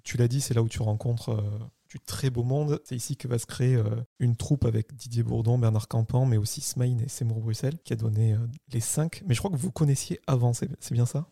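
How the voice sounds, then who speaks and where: A man's voice: medium pitch, fairly even intonation, a little fast, vocal fry, few pauses, dark tone, no room sound, clean studio sound. A man interviewing a guest with informal, friendly questions.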